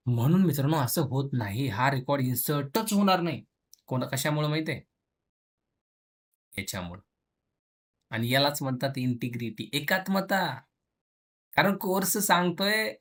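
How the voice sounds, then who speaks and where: Chatty and colloquial, a man teaches a casual programming lesson, mixing in English phrases and briefly playing the roles of the tables and students. The pitch is a little high and the tone fairly bright.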